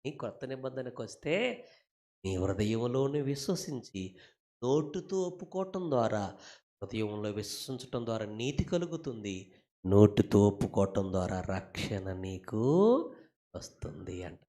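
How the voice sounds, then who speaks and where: A man's voice: lowish voice, expressive, unhurried, mellow. A man preaching a sermon with animation, repeating phrases and asking rhetorical questions.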